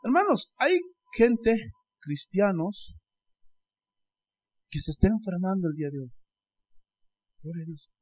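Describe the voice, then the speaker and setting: A male pastor with a Bolivian Spanish accent preaching a sermon, swinging between loud exclamations and hushed asides and repeating "Gloria a Dios" as a refrain. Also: high voice, expressive, takes it slowly, long pauses, husky.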